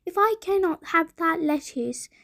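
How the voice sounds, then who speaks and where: A stubborn young wife in a bedtime story, dramatic and insistent, her voice lifted higher than the narration, as the narrator puts her on. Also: lively intonation, a little slow, creaky, a bit bright, full character voice. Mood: demanding.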